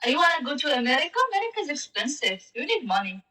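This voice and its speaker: A woman's voice: high-pitched, sing-song, racing, recorded from a distance, a crowd in the background. A woman chatting casually on a live-stream app, speaking in a playful, teasing manner. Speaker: language exchange chat partner. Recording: echoey and off-mic.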